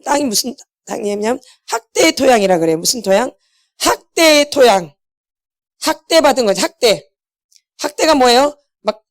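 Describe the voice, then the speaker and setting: A middle-aged pastor's wife with a fairly high voice gives a healing lecture in a church hall, recorded dry with studio quality. She asks her listeners questions and repeats key words back to them.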